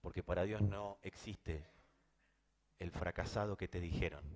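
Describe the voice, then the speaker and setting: A middle-aged man with a Rioplatense Spanish accent preaching a sermon, dropping to hushed intensity and then rising to loud emphasis. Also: low-pitched, fairly even intonation, a little slow. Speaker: pastor.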